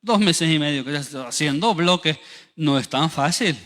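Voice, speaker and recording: Preacher in a reverberant church. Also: male voice, a little high, normal speed. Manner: storytelling, animated, acts out quoted voices. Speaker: pastor. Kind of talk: sermon. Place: church hall.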